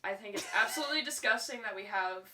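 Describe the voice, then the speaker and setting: A woman's voice: mid-range voice, fast. A woman co-hosting a podcast in casual chat, joking and laughing often. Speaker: podcast co-host. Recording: echoey room, mic far off, faint noise.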